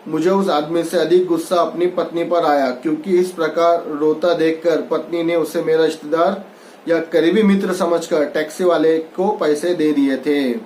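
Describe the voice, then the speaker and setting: Male Hindi teacher, slightly high voice, reads the text and then paraphrases it casually with English mixed in, recorded in an echoey room. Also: a little mellow, a little hiss or hum. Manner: reads a line, then re-explains it loosely with English words mixed in. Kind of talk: textbook lesson explanation.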